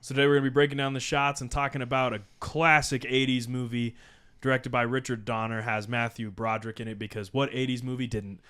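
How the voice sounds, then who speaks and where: A man hosting a casual movie podcast, upbeat and playful, quick to laugh during banter. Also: medium pitch, little pitch movement, a bit bright, clear, resonant tone. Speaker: podcast host.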